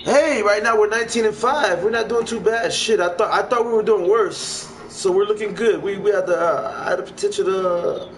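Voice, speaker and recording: A man's high-pitched voice runs a little fast with few pauses as he hosts a gaming livestream, talking casually in slangy, profane terms. The home stream is noisy, with game ambience underneath.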